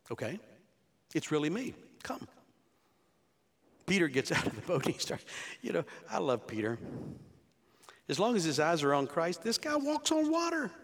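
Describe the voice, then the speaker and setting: A man in his sixties, a pastor preaching a conversational sermon with rhetorical questions to his congregation in a church. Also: fairly high pitch. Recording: long hall reverb.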